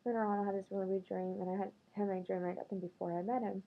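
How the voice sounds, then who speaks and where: Husky-voiced woman recounting a date. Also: mid-range voice, flat delivery, racing. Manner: chatty, filler-heavy, quotes others in raised voice. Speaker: vlogger. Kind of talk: casual storytelling about dating. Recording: tinny phone-like lo-fi audio.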